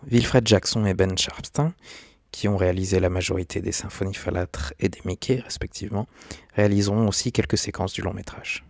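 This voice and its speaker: Reading his scripted narration at a fairly quick clip, the host of an animation history channel has a low, steady, gravelly voice with no echo. He occasionally trips a little over his lines. The sound is dry and close, with music underneath.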